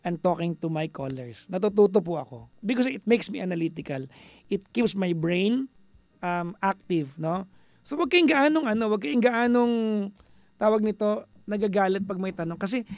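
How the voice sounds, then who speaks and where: A man with a Filipino accent hosting a radio call-in show, chatty and teasing, mixing Tagalog and English, now and then bursting into loud exasperated rants. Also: high voice, no room sound. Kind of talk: casual radio talk with listeners.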